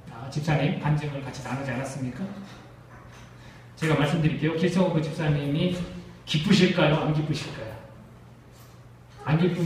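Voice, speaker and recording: In a fairly high-pitched voice, a Korean pastor delivers an emphatic sermon to his congregation, packed with rhetorical questions. The recording, made with a distant mic in an echoey church sanctuary, carries a little hiss or hum.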